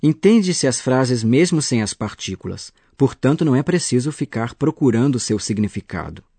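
A man's voice: medium pitch, very animated, moderate pace, dark tone, slightly rough, dry recording. A man acting as a teacher, patiently explaining grammar in a scripted radio lesson. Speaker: language teacher.

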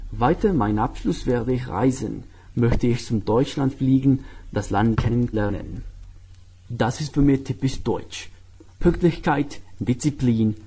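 A man's voice: medium pitch, warm tone, breathy edge. A young man from Guatemala with a Spanish accent, talking carefully about himself in learner German and making grammar slips as he goes. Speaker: medical student, German learner. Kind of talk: personal portrait monologue.

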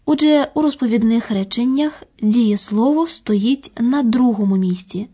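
A woman giving a scripted, measured grammar lecture. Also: a little high, warm tone, slightly rough. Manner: measured, didactic. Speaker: language lecturer.

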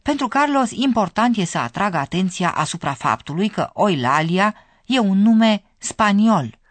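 Narrator with lively intonation. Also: medium pitch, no echo. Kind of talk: scripted narration for a radio course.

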